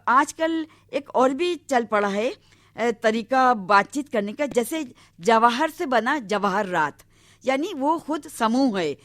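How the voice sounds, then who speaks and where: Middle-aged female lecturer, slightly high voice, dry booth sound, patient and methodical. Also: fairly bright tone, dry recording. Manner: measured, explanatory, lists examples one by one. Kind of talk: recorded Hindi grammar lecture.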